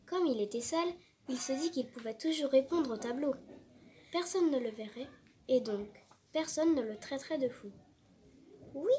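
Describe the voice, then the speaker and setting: A woman reading a children's storybook aloud with expressive narration. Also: high voice, moderate pace, slight background noise.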